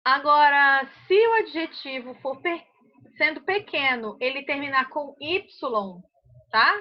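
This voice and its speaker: A woman's voice: high-pitched, expressive, slow. A woman teaching an English grammar class in Brazilian Portuguese, explaining step by step and often checking that students follow. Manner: patient, checks understanding often. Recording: muffled lo-fi audio.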